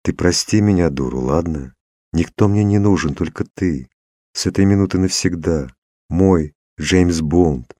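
A man's voice: low voice, unhurried, no room sound, studio quality. A man reading a coaxing young woman. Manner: coaxing, soft.

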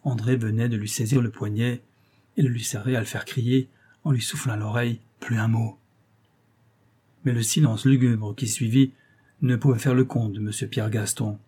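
Mellow-voiced male audiobook narrator. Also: medium pitch, steady tone, a little fast, husky. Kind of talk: audiobook narration of a classic novel.

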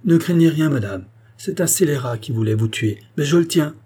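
A loyal valet, as a male narrator puts him on, shouting from a corridor in a storybook reading. The voice is raised high and loud, urgent and forceful, with a husky edge. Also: animated, fairly quick.

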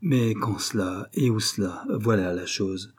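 A man voicing a drunk master locksmith who mumbles and stammers, his voice often raised higher and louder than his narration. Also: a little slow, slightly rough. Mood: confused, wary.

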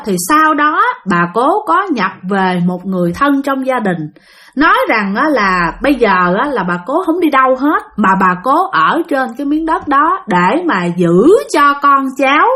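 A woman's voice: on the high side, a bit bright. A woman telling ghost stories in a chatty way, often speaking directly to her listeners. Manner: chatty, keeps addressing the listeners. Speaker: storyteller of a channel. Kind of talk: casual spoken storytelling.

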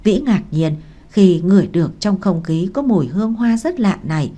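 A woman's voice: mid-range voice, expressive, moderate pace, warm tone. Woman narrating a romance audiobook.

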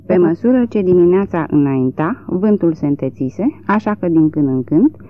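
Man reading a novel, lively intonation. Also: high voice. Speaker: audiobook reader. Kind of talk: literary audiobook narration. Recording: tinny lo-fi narrow-band recording.

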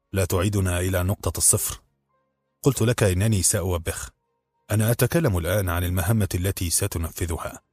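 A man's voice: low-pitched, slightly rough, no echo. A man reading a persuasive, earnest old prince. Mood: reproachful. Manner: calm, persuasive, gently reproachful. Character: older prince, friendly, earnest mentor. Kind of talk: audiobook character voice.

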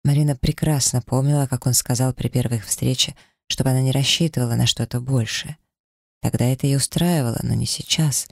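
A man narrating a romance audiobook in a calm, measured storytelling manner. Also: medium pitch, creaky, dry recording, clean studio sound. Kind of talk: scripted narration.

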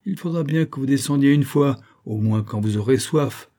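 A man's voice: medium pitch, normal speed, mellow, pitched above the performer's own voice, lightly acted. A man voicing a crafty, greedy male fox who coaxes and pleads with veiled threats in a storybook reading. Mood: pleading. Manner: coaxing, insistent, with veiled threats.

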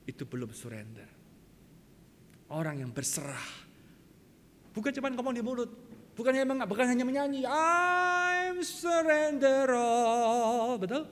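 A male pastor preaching a sermon, asking the congregation questions, swinging from loud exclamations to hushed whispers and mixing in English words. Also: very high voice, expressive, moderate pace, long pauses, long reverb tail, a little hiss or hum. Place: church hall.

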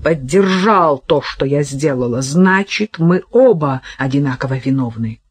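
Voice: expressive, a little slow, slightly rough. Reader voicing a defiant scheming sultan's wife. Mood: defiant shouting. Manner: pleading, then shrill and defiant. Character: scheming, desperate sultan's wife, middle-aged.

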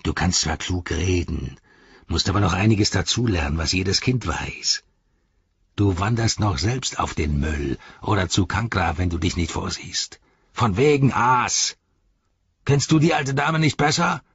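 A man voicing a gruff, bossy male orc captain who barks out orders in an audiobook reading. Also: deep voice, lively intonation, unhurried, a bit bright, dry recording, muffled recording, full character voice. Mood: barking. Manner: barking, commanding tone.

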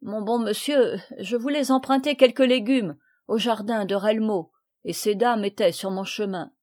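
A woman's voice: medium pitch, moderate pace, a little mellow, no echo, clean studio sound, close to an everyday voice. A woman reading the lines of a frightened young miller's lad who begs for mercy. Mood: pleading. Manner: pleading, fearful.

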